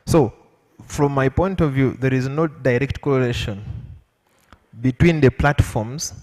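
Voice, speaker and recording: At a public lecture, a man with a Ugandan accent serves as a panelist and answers impromptu before the audience. He is measured and emphatic, using repetition, his mildly mellow, medium-pitched voice a little weak from being ill. The hall is echoey with a long reverb tail.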